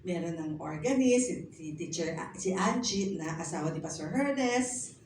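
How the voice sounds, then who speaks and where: A woman's voice: on the low side, expressive, unhurried, darkish tone. A middle-aged woman, a pastor's wife, telling her personal testimony in a chatty way, mixing English phrases into her talk and speaking politely. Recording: echoey room, mic at a distance, faint noise.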